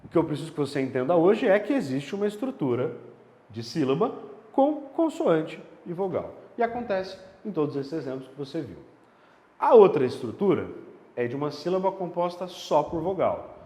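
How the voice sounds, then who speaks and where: A man's voice: a little high, normal speed. Grammar teacher guy, keeps checking in, bouncy delivery, lots of room echo. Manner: lively, emphatic, checks in with the listener often. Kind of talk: video lesson. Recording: echoey room with long reverb.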